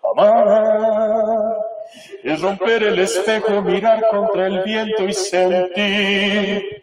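Young man, karaoke singer, echo effect on each word, drawn-out crooning, distant roomy speaker. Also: sits high, flat delivery, faint music behind. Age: young adult. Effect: echo on every word from a karaoke microphone. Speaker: guest singing. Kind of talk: karaoke singing of a love ballad. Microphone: Bluetooth karaoke microphone through a speaker. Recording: echoey speaker heard from across the room.

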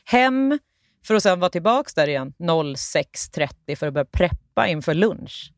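Casting: young adult co-host, lively and blunt, mid pitch, close dry recording. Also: dry recording. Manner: animated, swears and laughs while talking. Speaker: podcast co-host. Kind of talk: casual chat.

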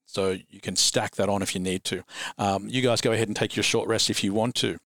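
A man narrating as dungeon master, relaxed and rambling, often chuckling. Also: on the low side, brisk, no echo. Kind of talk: narrating a tabletop game.

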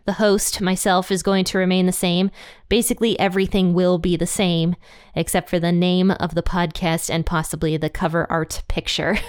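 A woman's voice: medium pitch, smooth, no echo, studio quality. A woman hosting a podcast solo, speaking in an informal, chatty way. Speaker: podcast host. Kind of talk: casual solo podcast chat.

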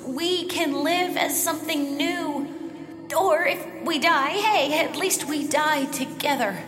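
A woman's voice: sits high, slow pace. A woman playing a devoted, teasing lover. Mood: earnest. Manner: earnest, teasing. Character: devoted, playful young woman in love. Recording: echoey with music.

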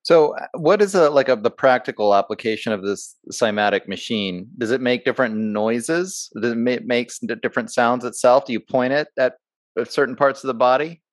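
A man's voice: mid-range voice, normal speed, no room sound. A man hosting a casual interview, asking tentative, rambling questions that restart partway through. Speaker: interview host.

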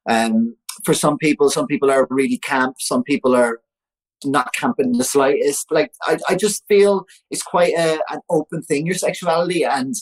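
A man's voice: a little high, normal speed, poor audio. Chatty man telling his story. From Ireland. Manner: chatty, animated, full of fillers like "you know" and "like". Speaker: interview guest. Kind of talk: candid personal storytelling.

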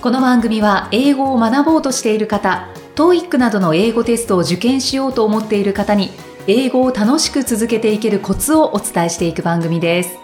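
A woman's voice: on the high side, brisk, few pauses, darkish tone, soft background music. A woman co-hosting a podcast as assistant, responding attentively with short interjections. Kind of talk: casual chat.

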